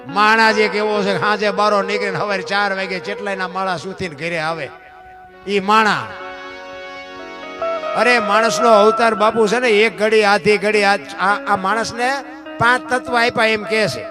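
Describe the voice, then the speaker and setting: A man's voice: high voice, fairly even intonation, moderate pace, over music. A man, a folk storyteller giving a sermon-like talk to a live audience, often asking his listeners rhetorical questions and quoting folk verse. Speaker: folk storyteller speaking at a dayro.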